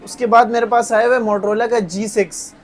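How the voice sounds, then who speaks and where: A Pakistani man with a high voice delivers a hard-sell phone pitch. He announces prices insistently, repeats them, and speaks to buyers as his brothers. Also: fairly even intonation, brisk. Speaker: phone shop seller.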